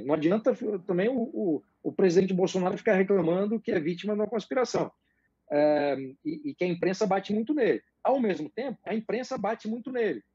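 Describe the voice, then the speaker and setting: A man explaining political ideas as a guest in a live interview, measured and hesitant, with many fillers. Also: sits high, dark tone, breathy edge, no echo, lo-fi sound.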